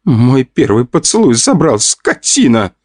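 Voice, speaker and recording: A man's voice: mid-range voice, very animated, measured pace, a little mellow, no echo, clean studio sound. A man voicing a feisty young woman, a bickering fiancée who bursts into flustered scolding.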